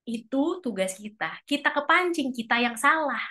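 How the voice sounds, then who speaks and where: A woman's voice: lively intonation, normal speed, sharp tone. A woman giving a casual, chatty talk to a church couples' group. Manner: chatty, acts out quoted lines in a higher voice. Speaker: speaker at a church couples' fellowship.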